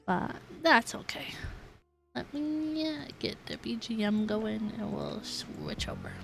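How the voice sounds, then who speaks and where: A woman game streamer with a fairly high, creaky voice chats casually with her viewers while she plays, taking it slowly. She thinks aloud in a giggly, chatty way, with background music playing.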